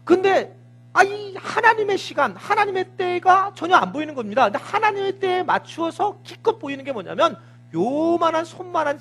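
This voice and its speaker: High-voiced, lively Korean pastor preaching. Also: male voice, creaky. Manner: vivid storytelling with sound words and acted dialogue. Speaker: senior pastor. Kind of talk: Sunday sermon.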